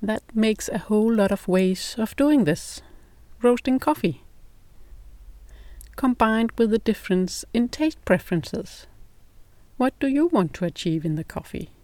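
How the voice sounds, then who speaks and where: This podcast host is a middle-aged woman from Denmark whose English carries a Danish accent, as it isn't her first language. She reads a scripted narration calmly and steadily, her pitch leaning high, and the recording is dry.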